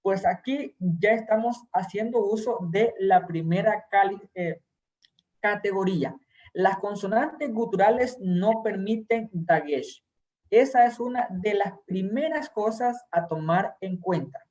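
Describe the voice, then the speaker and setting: A man's voice: high-pitched, a little slow, darkish tone. A man teaching a recorded Hebrew grammar class, explaining terms patiently and reassuring his students.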